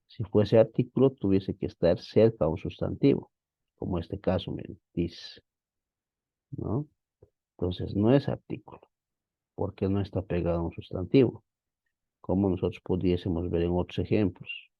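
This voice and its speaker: A man's voice: sits low, normal speed, pauses often, no room sound, highs cut off. A man teaching a biblical Greek class online, explaining patiently and calling his students brothers.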